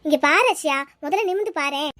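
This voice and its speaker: Cartoon schoolgirl friend, very high and quick, coaxing and lecturing, voiced by a woman. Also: fairly bright tone, no echo, clean studio sound. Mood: reassuring. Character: caring, talkative village schoolgirl friend. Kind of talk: cartoon voice acting.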